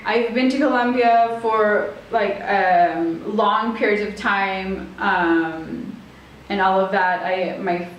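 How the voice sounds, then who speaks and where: In this casual chat, a Swiss woman being interviewed rambles while reaching for words. She speaks slowly at medium pitch, far from the mic, and the highs are cut off. The room is very echoey, with faint noise.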